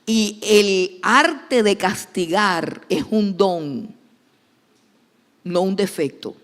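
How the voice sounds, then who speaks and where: A woman's voice: mid-range voice, very slow, in a large hall. A woman pastor, preaching a sermon emphatically and repeating key phrases for stress.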